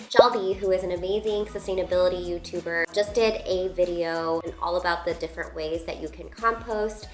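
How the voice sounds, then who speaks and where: A woman's voice: medium pitch, fairly bright tone. A woman who grew up in Taiwan, chatting casually through a home product review with lots of filler words. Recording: echoey room with faint music.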